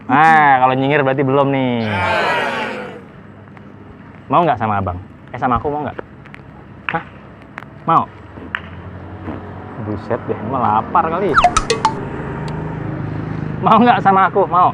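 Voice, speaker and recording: A man's voice: medium pitch, expressive, measured pace, long pauses, highs cut off, noisy background. A man acting in a comedy sketch, cheeky and joking as he flirts.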